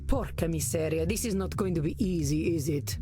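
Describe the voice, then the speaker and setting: An actress playing an imperious, sharp-tongued Renaissance vampire noblewoman in a video game, with an Italian accent and a disdainful, commanding manner. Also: low-pitched, fairly quick, natural voice. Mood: haughty, exasperated. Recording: game music behind.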